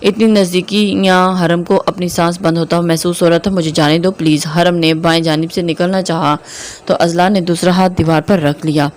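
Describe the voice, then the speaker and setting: A woman's voice: on the low side, fairly even intonation, normal speed, a little mellow. A woman narrating a romance novel and voicing all the dialogue herself, with occasional slips and fillers. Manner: reads dialogue of all characters in her own voice, with small slips and fillers.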